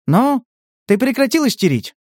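A man's voice: extremely high pitch, very animated, moderate pace, darkish tone, dry recording, studio quality, pitched above the performer's own voice, heavily acted. A man voicing a level-headed mercenary talking a scared youth down in a coaxing, persuasive way. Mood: coaxing calm. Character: calm, reasoning young mercenary negotiator.

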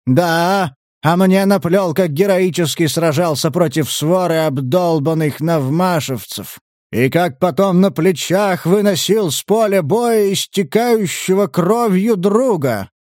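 A man's voice: sits high, unhurried, a little mellow, dry recording, studio quality, pitched above the performer's own voice. A man voicing a coarse, indignant middle-aged male abbot in an audiobook.

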